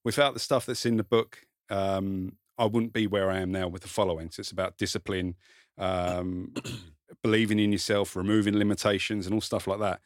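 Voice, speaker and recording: A low-pitched man talks in a level tone at normal speed, in clean studio audio with no echo. He's from Kent, England, with an Essex-like south-east accent, and as a podcast guest who's also an author and content creator, he shares personal stories informally, self-deprecating and sweary.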